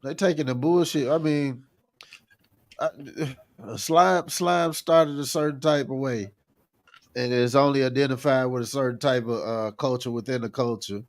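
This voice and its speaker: A man with an ordinary middle-pitched voice talks through ideas slowly on a podcast. He stops and restarts often, reaching for words as he reasons things out. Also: steady tone. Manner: thoughtful, halting, lots of uh and restarts. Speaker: podcast co-host. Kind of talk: casual podcast conversation.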